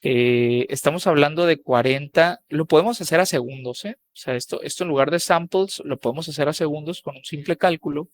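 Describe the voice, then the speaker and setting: A man's voice: a little high, brisk, few pauses. A man teaching a live online coding lesson, casual and checking in with students often.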